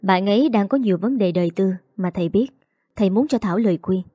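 A woman's voice: medium pitch, fast talker, mellow, husky, no echo, studio quality, lightly acted. A woman voicing a cold, controlling male teacher who speaks in stern commands.

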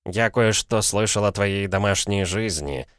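A man's voice: fairly low pitch, a little slow, a bit bright, no room sound, clean studio sound. A man doing an earnest lecturing schoolmaster.

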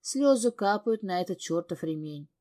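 A woman's voice: medium pitch, expressive, moderate pace, warm tone. A woman narrating a first-person audiobook in an intense, emotional way. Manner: intense, emotional, breathless reading.

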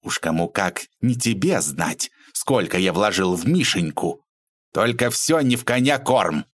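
A man voicing an irritable middle-aged shop owner who snaps and shouts when pushed. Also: on the low side, lively intonation, measured pace. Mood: firm. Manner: exasperated, shouting.

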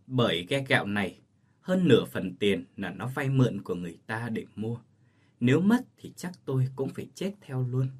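A man's voice: medium pitch, sing-song, moderate pace, husky. A man voicing a grief-stricken older village schoolteacher and father in a read ghost story, speaking in a choked, sorrowful way. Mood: grieving.

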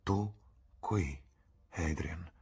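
A man reading the lines of a jaded young gentleman who murmurs quietly and cynically, in an audiobook. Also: sits low, lively intonation, moderate pace, slightly rough, exaggerated voice. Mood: murmuring.

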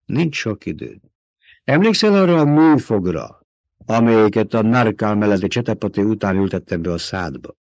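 A man's voice: lowish voice, expressive, darkish tone, dry recording, lo-fi sound. A man reading an audiobook, voicing an old male doctor turned traitor, feverishly obsessed with revenge, who speaks in an intimate, coaxing way.

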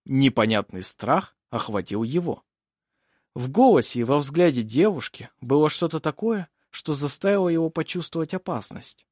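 A man reading an audiobook in an expressive narration style. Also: fairly high pitch, moderate pace, no room sound, clean studio sound. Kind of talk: scripted narration.

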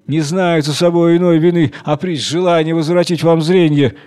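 A cunning young wife pleads sweetly and argues smoothly, as a male reader puts her on. Her voice sits a little higher than the narration around her, and she coaxes and explains at length in rhymed storybook verse. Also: steady tone, moderate pace, darkish tone, close to an everyday voice. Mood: sly. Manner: pleading, then smoothly excusing herself. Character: sly scheming young wife, quick-witted and coaxing.

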